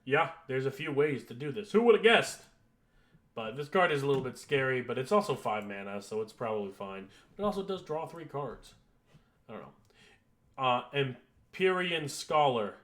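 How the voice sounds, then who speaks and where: A man's voice: medium pitch, expressive, normal speed, fairly bright tone. A man going through a card list in casual commentary, reading rules text and reacting in an offhand, dry way. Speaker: card reviewer.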